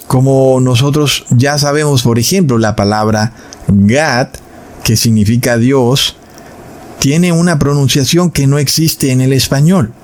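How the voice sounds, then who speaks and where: A man with a middle-pitched voice delivers an explanatory commentary on religion. He teaches in a didactic tone, addressing his audience as brothers, and pauses to sound out words to demonstrate pronunciation. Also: darkish tone. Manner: demonstrates pronunciations and baby babble.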